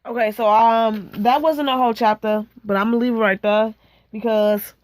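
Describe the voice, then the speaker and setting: A woman reading a novel aloud in a slow, measured way, stopping now and then to chat casually. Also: a little high, steady tone, a little mellow, no room sound. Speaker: reader.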